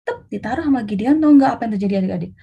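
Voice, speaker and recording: A woman preaching to children, telling a Bible story in a lively, animated way. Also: on the high side, very fast, gravelly, husky, lo-fi sound.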